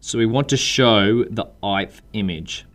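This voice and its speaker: A man with an Australian accent, talking through a coding tutorial in a relaxed, chatty way and thinking aloud while he types. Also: lowish voice, a little slow. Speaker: programming instructor. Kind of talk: screen-recorded coding tutorial. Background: keyboard typing.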